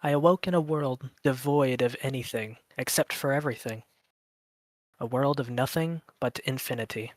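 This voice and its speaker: A man voicing a mysterious otherworldly observer in a slow, solemn prologue narration. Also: mid-range voice, no echo, close to an everyday voice.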